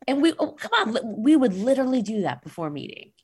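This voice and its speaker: A woman's voice: a little high, sing-song, fast talker, slight background noise. A woman guest in a casual talk, speaking with passion and emphasis and often asking "right?". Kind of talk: casual conversation.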